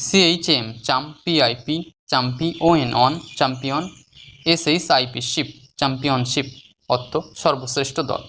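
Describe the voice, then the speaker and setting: Teacher spelling words out slowly. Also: medium pitch, fairly bright tone, a little hiss or hum. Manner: spells words out letter by letter, then syllable by syllable; lifts the voice to announce each new word. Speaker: English teacher. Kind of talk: spelling lesson for students.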